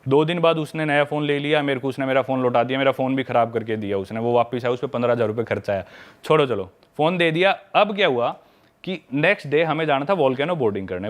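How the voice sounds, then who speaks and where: A man in a relaxed podcast chat, recounting a trip abroad at an easy, chatty clip. His voice sits at an everyday middle pitch, and he drops English words into his sentences as he goes. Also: fairly quick. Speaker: podcast guest telling a travel story. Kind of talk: casual storytelling chat.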